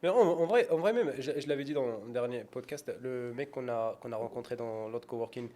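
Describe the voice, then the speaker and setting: A man co-hosting a casual podcast, animated and teasing, laughing often as he talks with his partner. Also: mid-range voice, fairly quick. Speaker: podcast co-host.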